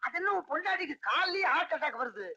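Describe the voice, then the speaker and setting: An actor playing a gullible, mocking comic moneylender with a drawn-out way of talking, from an old film soundtrack. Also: male voice, very high-pitched, animated, sharp tone, muffled recording, heavily acted. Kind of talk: 1980s Tamil film dialogue.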